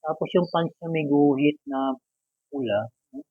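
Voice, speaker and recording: A man's voice: on the high side, measured pace, slightly rough, no room sound, narrow, tinny audio. A man casually reviewing and unboxing an action figure, chatty and joking, with English words mixed into his talk. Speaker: toy reviewer.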